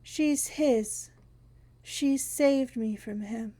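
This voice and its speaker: A woman voicing an unhinged sorceress mother with a dry, papery, breathy voice, speaking slowly and eerily. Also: on the high side, warm tone. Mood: menacing. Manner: slow, drawn-out, eerie. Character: unhinged sorceress mother, menacing and half-mad.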